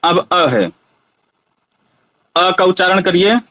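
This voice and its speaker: Casting: man, teacher, high unhurried voice, patient and questioning, dry close recording. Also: pushed and bright, no echo, low-quality recording. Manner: patient, asks students to try sounds aloud. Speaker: Sanskrit teacher. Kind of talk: classroom lesson on pronunciation.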